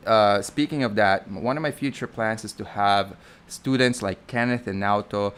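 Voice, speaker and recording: In a lowish, smooth, slightly bright voice at normal speed, a young man with a Filipino accent answers questions on a live stream. He's a flight instructor from the Philippines whose style is chatty and rambling, with many fillers and frequent self-correction.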